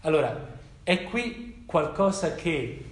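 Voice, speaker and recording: A man gives a thoughtful sermon, weaving scripture readings with rhetorical questions and small check-ins to his listeners. His voice sits a little higher than most men's and carries a roomy echo around it. He talks at an unhurried, reflective pace. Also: big pitch swings. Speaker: preacher.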